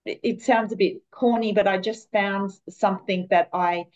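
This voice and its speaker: A woman in her fifties with an Australian accent, a guest on a podcast telling stories from her life in a relaxed, chatty way with fillers. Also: mid-range voice, moderate pace, muffled recording. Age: 50s. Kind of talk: casual interview chat.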